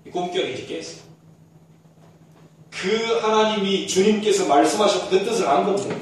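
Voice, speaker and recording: A male pastor preaching a Sunday sermon with a fairly high voice, telling a story with animated swings. His voice booms around a large, reverberant sanctuary. It is caught by a distant mic over faint room hum. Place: church sanctuary. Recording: echoey church hall, distant mic.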